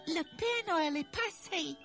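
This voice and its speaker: A woman playing a cheerful, believing young girl in a storybook audio drama, excited and insistent. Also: extremely high pitch, takes it slowly, soft background music, full character voice.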